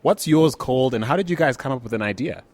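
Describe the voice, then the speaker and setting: A man hosting an interview, asking questions in a lively, upbeat way. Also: mid-range voice, quick pace. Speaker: interviewer host. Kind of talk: interview chat.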